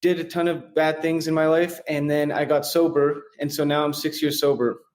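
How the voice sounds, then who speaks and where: A man's voice: on the high side, little pitch movement, normal speed. A young man from San Francisco, a podcast guest, tells his life story in a plain, matter-of-fact way and starts many sentences with "so". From San Francisco, United States. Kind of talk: casual interview storytelling.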